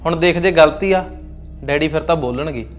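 A man playing a young Punjabi husband with a fairly high voice, firm and lecturing, keeping his temper mostly low. Faint music sits under the scene of this short drama. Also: moderate pace, lightly acted. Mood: scolding. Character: young husband caught between parents and wife. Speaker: son and husband. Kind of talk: Punjabi short film acting.

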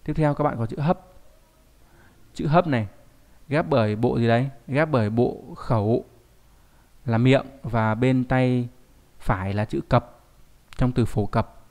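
A man's voice: medium pitch, unhurried, long pauses, darkish tone. Guy teaching kanji online, patient, keeps asking right? right?. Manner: explains patiently, often checking in with tag questions. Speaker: Japanese language teacher.

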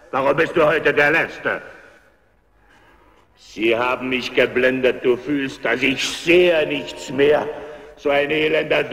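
One-eyed giant shepherd in a radio play, blind and vengeful, bright edgy tone, long echoing hall around him. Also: male voice, a little high, vocal fry, heavily acted. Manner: brooding, lamenting, threatening. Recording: long reverb, cave-like hall.

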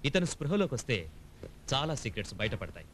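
An actor playing a confident, teasing police investigator in a film drama. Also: male voice, medium pitch, big pitch swings, fast, a bit bright, slight background noise. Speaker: police officer. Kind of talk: film acting. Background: film score music.

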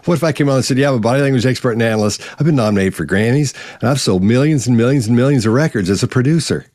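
A man's voice: mid-range voice, rapid-fire, dry recording. A man in his fifties co-hosting a live Q&A over a video call, telling stories and acting out quotes. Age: 50s. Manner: animated storyteller, acts out quotes. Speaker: co-host. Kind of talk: casual live Q&A chat. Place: home office with bookshelves. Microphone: video call webcam.

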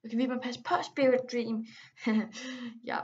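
A young woman giving casual gameplay commentary, excitable and quick to exclaim and complain, with English slang mixed in. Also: a little high, lo-fi sound. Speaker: gaming vlogger.

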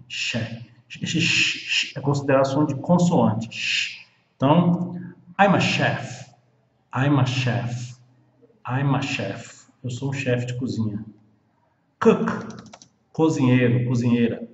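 A man from Brazil teaching English pronunciation, slowly repeating each word many times. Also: medium pitch. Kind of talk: pronunciation lesson. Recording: dull echoey room, long reverb.

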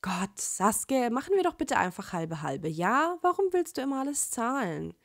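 A woman's voice: fairly high pitch, big pitch swings, normal speed, no echo, clean studio sound. A woman voicing a stubborn, feisty young woman who speaks sharply and with exasperation, in a fan fiction reading. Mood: exasperated.

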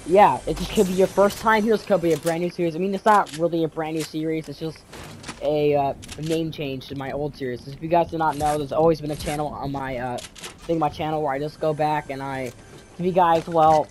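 Stuffed up with a cold, a teenage gaming YouTuber gives casual vlog commentary over his gameplay, his voice fairly high, steady in tone, and fairly quick. He rambles, leaning on fillers, restarting, and repeating words, with slight background noise behind him.

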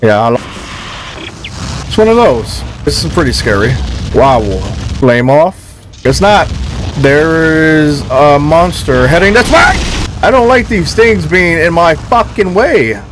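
A man casually commentating his own horror game play for viewers, excitable and quick to exclaim. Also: fairly high pitch, background noise. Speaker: gaming streamer.

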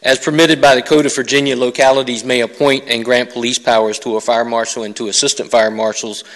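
Measured fire chief in an echoing chamber. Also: male voice, mid-range voice, level tone. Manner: measured, reads prepared remarks with occasional fillers. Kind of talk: formal report to council. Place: council chamber. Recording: long reverb of council chamber.

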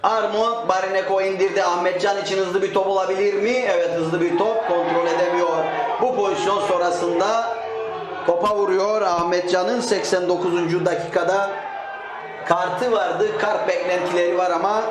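A man delivers live football play-by-play in a high-pitched voice. The recording is strongly echoing, and noise is plainly heard behind him. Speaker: football commentator. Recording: very echoey, noisy match recording.

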